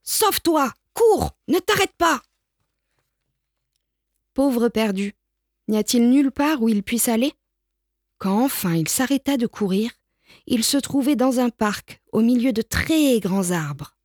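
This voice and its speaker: A woman reading a children's picture book aloud in a gentle, expressive way. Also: fairly high pitch, a little slow, dry recording, clean studio sound. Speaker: storyteller. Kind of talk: children's storybook read-aloud.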